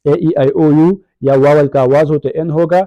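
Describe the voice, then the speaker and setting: Guy teaching english grammar, keeps asking "right?", kinda high mellow voice, dry sound. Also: fairly even intonation, dry recording, highs cut off. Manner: explains in Urdu mixed with English, asks "right?" often. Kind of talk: recorded lecture.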